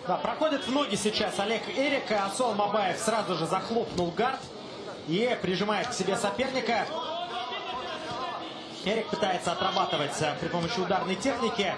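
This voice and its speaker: A man commentating live on a fight, explaining the action in halting phrases. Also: sits high. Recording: echoey, loud music and crowd.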